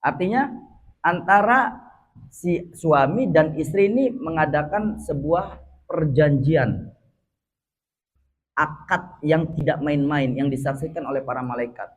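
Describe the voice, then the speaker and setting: A man giving a casual religious study talk as teacher, lively and joking with his audience. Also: a little high, unhurried, pauses often, a little hiss or hum. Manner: lively, jokes and laughs with audience. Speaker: Islamic teacher.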